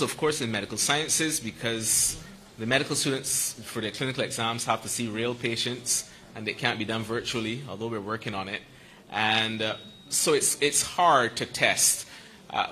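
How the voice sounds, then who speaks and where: A man answering questions at a press conference about quarantine and screening, explaining with quick asides. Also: on the low side, sharp tone, slight background noise, poor audio. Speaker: medical school panelist.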